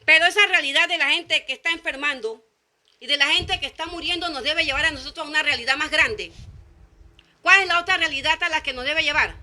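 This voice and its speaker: A woman's voice: high-pitched, a little fast, bright, forceful tone. A woman preaching a sermon, speaking emphatically with repeated phrases and acting out short quoted exchanges. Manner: emphatic repetition, acts out quoted dialogue.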